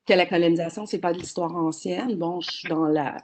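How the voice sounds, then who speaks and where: Woman in her forties, webinar panelist, earnest explaining, frequent pauses and fillers. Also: fairly low pitch, steady tone, a little mellow. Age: 40s. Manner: earnest, explanatory, many hesitations.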